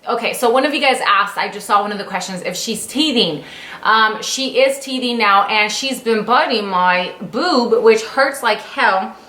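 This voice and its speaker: A woman's voice: a little high, moderate pace, sharp tone. A woman in her late thirties chatting casually as a vlogger, rambling with lots of fillers and restarts. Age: 30s. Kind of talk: casual story-time chat. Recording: roomy echo.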